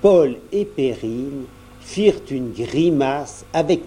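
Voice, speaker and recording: A man reading a children's story aloud as narrator, in an expressive, lilting way. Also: medium pitch, slow pace.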